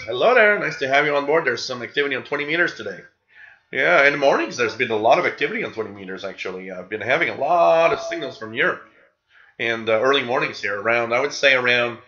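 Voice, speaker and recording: A man with a Quebec French accent hosts a live radio show about a hobby, chatting casually and rambling as he reads viewers' comments and their chat names aloud. His mid-range voice has a sharp tone, and the audio is dull.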